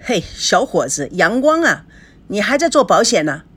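A woman voicing a hearty, boastful middle-aged male company chairman who praises loudly. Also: mid-range voice, big pitch swings, normal speed, slightly rough, voice pushed up. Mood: jovial. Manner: loud, jovial, showy praise.

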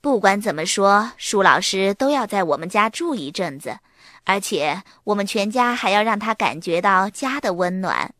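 A woman reading a calm storybook mother. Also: mid-range voice, normal speed, no room sound, studio quality, lightly acted. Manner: calm, explaining. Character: patient, sensible mother aardvark.

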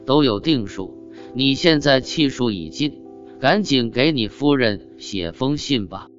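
A man's voice: medium pitch, animated, a little slow, close to an everyday voice. A man reading a young female fox spirit. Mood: grave. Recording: dull lo-fi audio with faint guitar.

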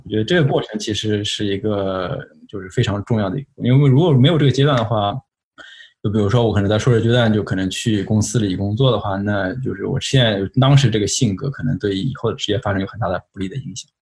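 Man from Shanghai, low voice, quick and rambling, podcast guest who reflects at length. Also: a little mellow. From Shanghai, China. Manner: reflective, explains at length with many fillers. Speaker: interview guest, AI researcher. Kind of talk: casual podcast interview.

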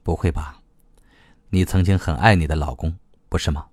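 A man reading a story aloud, voicing a calm, forceful man who speaks low, slowly and evenly. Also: no echo, clean studio sound. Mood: cool, insistent. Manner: low, slow, even, cool.

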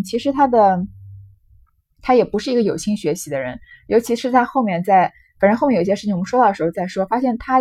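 A woman with a mellow, relaxed voice reads from a classic novel and talks it through in a loose, explanatory way. She breaks in with fillers and asides. Her voice is recorded dry and close, with no room sound. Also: mid-range voice, no echo. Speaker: reader and commentator on a classic novel.

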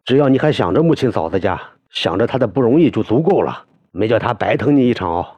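A man narrating a novel, voicing a blunt, hot-tempered young man who talks loudly and forcefully in a hard tone. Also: lowish voice, sing-song, fast talker, breathy edge, dry recording, highs cut off, voice pushed up. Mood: coaxing.

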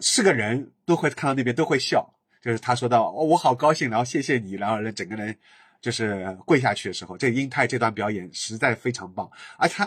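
A man's voice: medium pitch, slightly rough, no echo, clean studio sound. A man hosting a podcast, chatting enthusiastically through a TV drama review and laughing often. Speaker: podcast host. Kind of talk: casual solo drama review.

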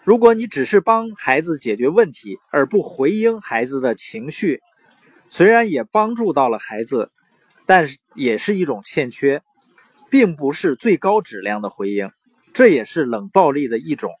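A young adult man giving parenting advice in an earnest, conversational manner, with anecdotes and drawn-out particles. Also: a little high, sing-song, breathy edge, no echo. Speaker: parenting commentator. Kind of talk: informal talk with anecdotes and advice.

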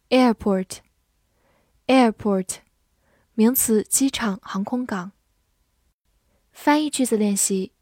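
A woman teaching vocabulary in a scripted lesson, her voice pitched a little high and her pace very slow. She spells each word out letter by letter and reads the example sentences with care. The recording is dry and close, with no room sound. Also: darkish tone, no echo.

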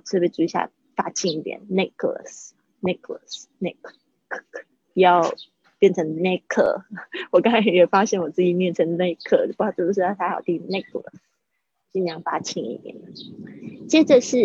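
A woman teaching English vocabulary to Chinese speakers in a chatty livestream, repeating words slowly to model how they sound. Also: lowish voice, darkish tone, husky, no room sound, muffled recording.

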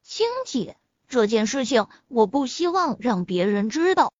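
A woman's voice: a little high, big pitch swings, a little slow, dry recording, voice pushed down. A woman playing a huffy proud rich girl. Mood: cold. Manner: cold, huffy. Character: proud, hot-tempered rich young woman. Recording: dull lo-fi recording.

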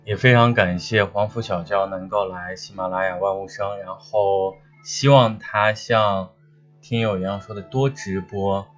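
A man with a low voice co-hosts a livestream in casual banter. The recording is a little muffled and lo-fi. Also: steady tone, unhurried. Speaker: livestream co-host and moderator.

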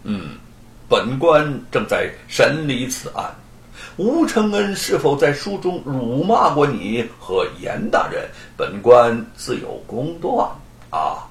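A shrewd old-time magistrate, as a storyteller puts him on, measured and official with a dry mocking edge. The voice rises and falls widely. There is a roomy echo on the recording. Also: male voice, mid-range voice, big pitch swings.

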